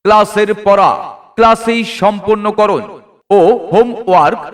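A man making a loud promotional announcement, calling out slogans in drawn-out phrases with a megaphone-like sound. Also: sits high, far from the mic. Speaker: advertising announcer.

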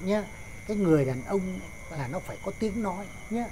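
A man's voice: high-pitched, expressive, quick pace, mellow, slight background noise. A man playing a bossy old father. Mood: lecturing. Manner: bossy, lecturing. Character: bossy old father lecturing his son-in-law. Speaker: father-in-law. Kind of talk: slapstick sketch acting.

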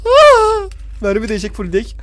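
A young streamer talks his viewers through a horror game at a rapid clip. His voice sits high and leaps all over the place, breaking into startled shouts and curses. Faint music plays behind him. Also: slight background noise. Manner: excitable, yelps and shouts in fright, swears a lot. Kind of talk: horror game let's play commentary.

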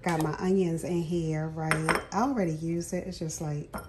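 In a very noisy recording, a middle-aged woman speaks in a low, steady voice at a moderate pace. She's a vlogger in her home kitchen, casually showing her groceries to viewers, frequently laughing and calling them "girl," while her phone camera films her hands over the counter.

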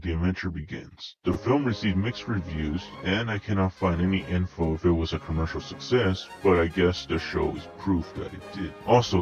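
A man narrating a scripted film review as a voice-over. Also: deep voice. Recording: dull, lo-fi voice-over. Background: background music.

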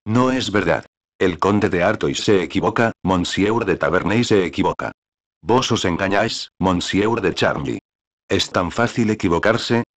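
A man with a low voice voicing a desperate, proud young queen in an audiobook reading, pleading and indignant. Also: unhurried, no room sound.

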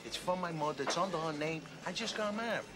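An actor playing a clumsy young gangster who mumbles apologies and excuses. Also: male voice, on the high side, fast, lightly acted. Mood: defensive. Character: sheepish young male gangster, eager and clumsy. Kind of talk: film drama acting. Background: loud party music.

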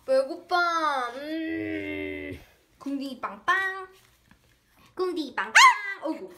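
A woman's voice: sits high, slow, creaky, bright, forceful tone. A young woman in her twenties vlogging in casual chat, playful and sing-song as she coos at her dog. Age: 20s.

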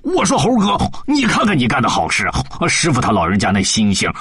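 Boastful pig-demon monk, male, read by a man; whiny and bragging, lively husky pitch swings. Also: fairly quick, no room sound, clean studio sound, exaggerated voice. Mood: whining bragging. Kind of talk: storybook audiobook voice acting.

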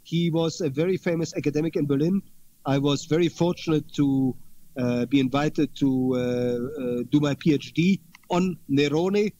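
A man with a high voice talks earnestly as an interview guest, leaning on repeated words for emphasis. The audio is dull and lo-fi, like a remote call. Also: moderate pace, mellow. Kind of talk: interview conversation.

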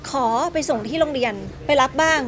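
High-voiced woman, earnest interview. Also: brisk. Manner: earnest, explaining at length. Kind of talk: emotional interview.

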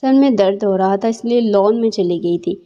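A woman's voice: mid-range voice, warm tone, close to an everyday voice. A woman voicing a nervous, defensive middle-aged mother in a storybook reading. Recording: dull lo-fi with long reverb.

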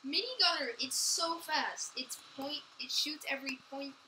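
High-voiced woman gamer, noisy mic. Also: normal speed. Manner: explains game stats, questions her partner. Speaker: gameplay channel co-host. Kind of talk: casual gameplay chat.

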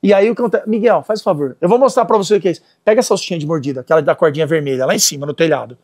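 A man's voice: fairly high pitch, racing, breathy edge. A middle-aged Brazilian man, a dog trainer, telling stories and giving commands to dogs and helpers in a casual lesson. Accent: Brazilian Portuguese. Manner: animated storytelling, gives commands to dogs and helpers. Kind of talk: casual instructional talk.

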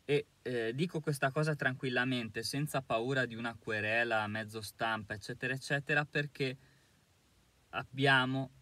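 A man's voice: mid-range voice, moderate pace, bright, forceful tone, no room sound. A man giving an indignant, emphatic monologue to camera as a commentator, with hesitant fillers between his points. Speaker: YouTube commentator.

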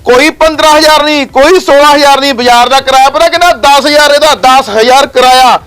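Male promo host, very high pitch, dramatic exclamatory sales delivery with emphatic repetition. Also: quick pace, fairly bright tone. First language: Punjabi. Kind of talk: excited shop promotion pitch.

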